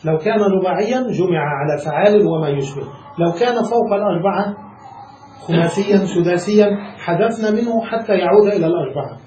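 Male teacher, high mellow voice, quizzes students as he explains, roomy echo. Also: a little fast, slight background noise. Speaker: teacher of Arabic grammar. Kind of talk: classroom lesson explaining a text. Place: room with students present.

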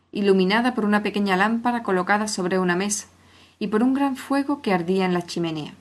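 A woman narrating a classic story aloud in a steady, clear reading voice. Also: mid-range voice.

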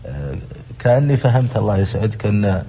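Low-voiced student asking the sheikh questions. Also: male voice, sing-song, fast, slight background noise. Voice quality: polite, hesitant questioning. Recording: dull, echoey lecture-hall recording.

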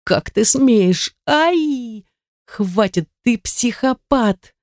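A reader voicing a shrill, defiant captive young woman. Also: lively intonation, extremely slow, dry recording, studio quality. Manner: shrill, furious, sobbing. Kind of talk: audiobook character voice.

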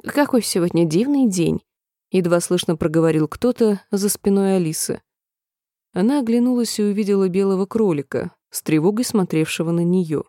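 Brief: woman audiobook narrator, mellow dark tone, dry close mic. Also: mid-range voice, no echo. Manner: calm, measured reading with voiced characters.

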